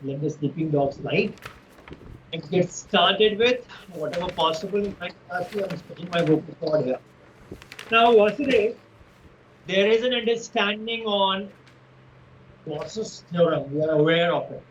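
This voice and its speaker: A male physics teacher with an Indian English accent leads an online lesson in formal, winding sentences. His voice sits a little high and comes through a dull, muffled call line with faint hiss. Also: normal speed. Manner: formal, roundabout phrasing.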